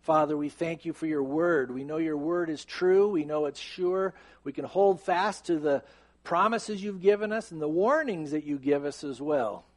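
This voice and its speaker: A pastor in his fifties with a somewhat high voice speaks in a church sanctuary. He moves from relaxed, joking asides to an earnest, steady prayer. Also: normal speed. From United States. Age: 50s. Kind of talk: sermon and prayer.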